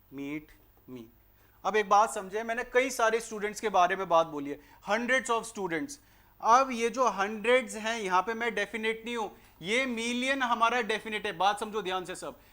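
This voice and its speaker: A man with an Indian accent teaching an exam-prep grammar lesson, explaining in Hindi and slowly reading out English sentences. He keeps asking rhetorical questions and answering them himself. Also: high voice, a bit bright. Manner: asks and answers his own rhetorical questions.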